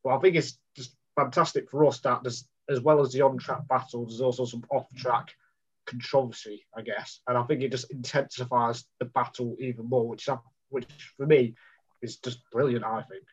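A man with a husky voice talks through a casual chat, feeling his way and restarting often. The recording is dull and lo-fi. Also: mid-range voice, steady tone, normal speed. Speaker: podcast co-host. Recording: dull lo-fi sound.

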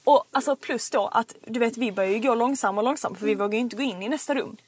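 A woman's voice: on the high side, slightly rough. A young woman, a podcast host animatedly telling a story in casual chat. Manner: animated storytelling, acting out screams and quotes.

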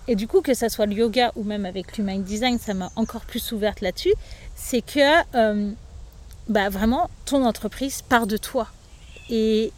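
A woman, a yoga teacher, talking as a guest in a casual podcast interview, loose and chatty with lots of fillers. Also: on the high side.

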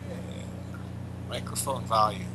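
A man calling in to a casual chat over a tinny internet call that sounds like talking through a tin can, speaking quietly away from a poor microphone. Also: fairly low pitch, fairly even intonation, unhurried. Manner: quiet, trailing off away from the mic. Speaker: podcast co-host calling in. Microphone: poor computer microphone on a voice call. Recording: distant, noisy call audio.

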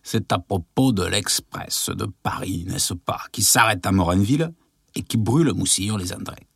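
An actor playing a timid, hesitant visitor who murmurs and speaks softly in a comedy sketch. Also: male voice, lowish voice, moderate pace, vocal fry, husky, dry recording, clean studio sound. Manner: soft-spoken, hesitant, murmuring. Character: meek, timid visitor asking a favour. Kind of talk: stage comedy sketch acting.

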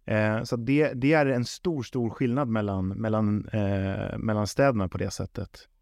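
A man's voice: fairly low pitch, steady tone, gravelly, a little mellow, no echo, studio quality. A man answering interview questions in a conversational way, often repeating and rephrasing words as he reasons things through. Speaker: football club sporting executive, interviewee.

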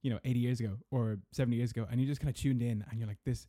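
A man's voice: mid-range voice, fairly even intonation, very fast, dark tone, dry recording, clean studio sound. A young Irish man chatting casually and informally, sharing anecdotes as an interviewer. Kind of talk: casual chat.

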